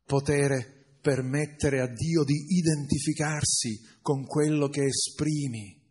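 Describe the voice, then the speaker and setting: A man's voice: on the high side, steady tone, takes it slowly, a little mellow, slightly rough. A man preaching a sermon, building to impassioned, emphatic repetition.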